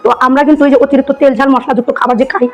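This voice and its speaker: A woman with a throat hoarse from a cold chats quickly through a food-tasting vlog. Her voice sits high and stays fairly level in pitch as she repeats her enthusiastic praise. The audio is dull and lo-fi, with faint music underneath. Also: steady tone. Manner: chatty, enthusiastic, repeats herself. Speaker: food vlogger.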